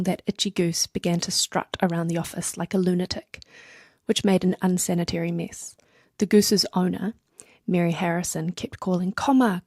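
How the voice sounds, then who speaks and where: A woman with a New Zealand accent hosting a soft-spoken ASMR video, reading scripts aloud in a slow, hushed, half-whispered voice close to the microphone. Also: lowish voice, dry recording. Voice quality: breathy and husky. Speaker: ASMR host.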